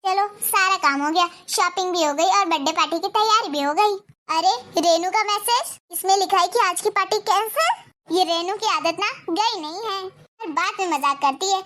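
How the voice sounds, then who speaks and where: A woman doing a shrill, sharp-tongued young wife. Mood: pleased. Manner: scolding, quick and demanding. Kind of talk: cartoon story voice acting.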